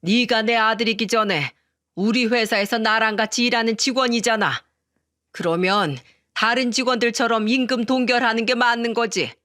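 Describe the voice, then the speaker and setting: Lady doing a booming strict old dad, scolds hard, dry close sound. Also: moderate pace, a bit bright, no echo, close to an everyday voice. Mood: stern. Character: stern older male company owner father.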